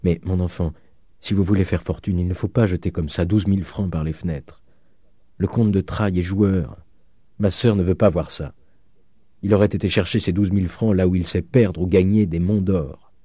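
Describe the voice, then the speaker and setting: A man voicing a gentle, sensible young woman. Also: sits low, fairly even intonation, normal speed, no echo, studio quality. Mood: tender.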